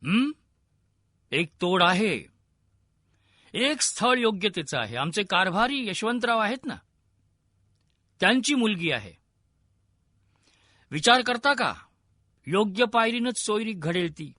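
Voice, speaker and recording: A man's voice: high-pitched, big pitch swings, takes it slowly, long pauses, dry recording, studio quality, full character voice. A man doing a sneering drunken chieftain. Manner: scornful, taunting, laughing, shouting. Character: arrogant drunken male hill chieftain, mocking. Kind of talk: storytelling narration.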